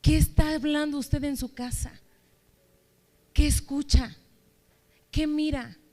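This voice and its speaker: Higher-voiced woman preaching a sermon. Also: fairly even intonation, mellow. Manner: exhorting with rapid rhetorical questions. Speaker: church leader preaching.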